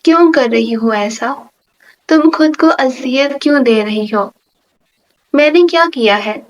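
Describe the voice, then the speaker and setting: A woman's voice: high voice, lightly acted. A woman reading a possessive young man. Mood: coaxing. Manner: pleading then harsh, obsessive. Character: possessive, hot-tempered young man in love.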